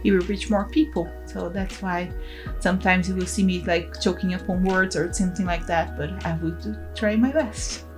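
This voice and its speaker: A young Brazilian woman, a native Portuguese speaker, gives casual commentary in English with a Brazilian accent over her game build as a gaming channel host. She's chatty, laughs often, and restarts words, speaking in a lowish, steady voice at normal speed with soft background music.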